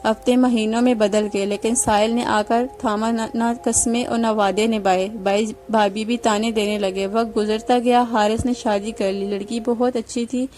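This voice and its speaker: Woman reading a story in a flat tone. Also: fairly high pitch, few pauses. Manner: steady, even reading with small restarts. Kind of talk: scripted narration of a moral story.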